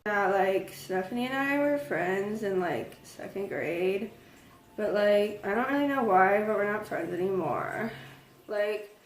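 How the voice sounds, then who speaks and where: A woman's voice: medium pitch, animated, unhurried, a little hiss or hum, natural voice. Woman as an awkward young townswoman, hesitant, rambling, lots of fillers, echoey room.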